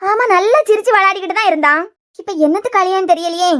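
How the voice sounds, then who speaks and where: Cartoon grandma voiced by a woman, very high and bright, fast nagging Kanyakumari accent. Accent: Kanyakumari Tamil. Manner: scolding, nagging. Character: bossy old grandmother, sharp-tongued mother-in-law. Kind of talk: cartoon serial voice acting.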